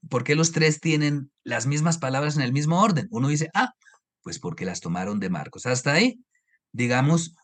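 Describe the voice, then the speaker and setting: A man from Colombia with a highland Colombian accent, giving an online Bible lecture over slides, explaining step by step and asking his listeners rhetorical questions. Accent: Colombian highland Spanish. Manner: explanatory, asks rhetorical questions and checks understanding.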